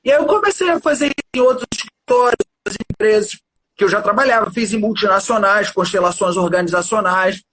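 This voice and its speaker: High-voiced man telling a story, casual. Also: fairly quick, a little hiss or hum. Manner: animated, keeps saying "cara". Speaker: livestream guest.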